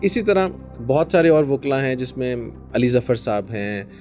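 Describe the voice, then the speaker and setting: A man's voice: medium pitch, expressive, normal speed, darkish tone, faint music behind. A man in his forties with a Pakistani Urdu accent, a lawyer answering interview questions in an earnest, storytelling way, mixing in English phrases. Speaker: lawyer, podcast guest.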